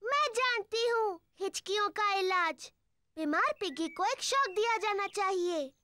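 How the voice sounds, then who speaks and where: A very high, bright little girl piglet in a kids' cartoon. She is cheerful and bossy, exclaiming in a childlike way and speaking slowly and clearly. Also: animated, exaggerated voice. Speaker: cartoon voice actor.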